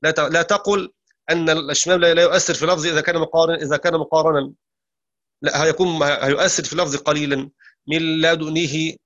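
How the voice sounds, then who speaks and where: A man's voice: a little high, fairly even intonation, a bit bright, muffled recording. Man teaching Quran recitation. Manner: explains quickly, then recites verses slowly and drawn out; corrects his own slips aloud. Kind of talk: tajweed lesson with recited verses.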